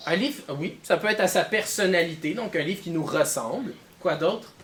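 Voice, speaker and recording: A man's voice: high voice, moderate pace. A man teaching a class of children, asking them questions as he goes. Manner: lively, questioning pupils.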